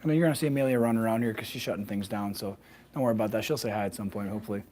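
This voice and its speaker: Slightly hoarse, fast-talking man explaining health. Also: on the low side, a little mellow. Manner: fluent, explanatory, often checks with "right?" and "okay?". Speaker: health practitioner hosting a weekly wellness video. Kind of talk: informal explainer to camera, live stream.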